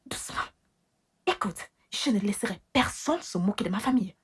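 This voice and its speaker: Scheming wife, female, husky, flustered and hushing; for a film. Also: medium pitch, lively intonation, normal speed. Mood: hushed urgent. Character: boastful scheming wife covering a lie. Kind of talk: French film dub.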